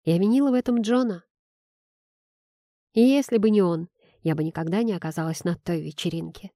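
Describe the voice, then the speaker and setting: A woman reading a novel aloud in first person, in an even storytelling manner. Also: fairly low pitch, a little fast, no echo, clean studio sound. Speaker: audiobook narrator.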